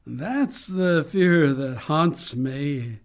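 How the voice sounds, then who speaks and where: A vain, brooding pirate captain, as a woman reads him aloud, slow and theatrical in a storybook. His gravelly voice sits a little high and swoops widely between threats and whimpers. He draws every word out. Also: lively intonation, exaggerated voice. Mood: fearful. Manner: slow, theatrical, swinging from menace to whining.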